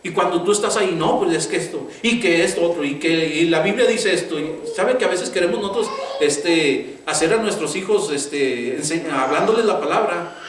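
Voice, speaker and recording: A man's voice: high voice, moderate pace, hardly any pauses. A middle-aged man preaching a conversational sermon as pastor. He keeps calling his listeners brother and asking them "right?". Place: church sanctuary. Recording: echoey church room, mic at a distance, faint background hiss.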